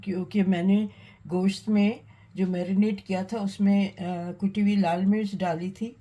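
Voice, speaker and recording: A woman hosting a cooking demonstration, talking unhurriedly while she cooks, with many pauses and fillers. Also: mid-range voice, steady tone, mellow, dull audio. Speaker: cooking channel host.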